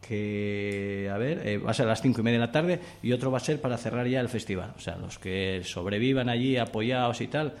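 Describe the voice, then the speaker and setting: A man's voice: medium pitch, brisk, hardly any pauses. A man, a guest on a radio show, chatting enthusiastically about the festival he helps organize, with many restarts. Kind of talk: radio interview chat. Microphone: studio radio mic.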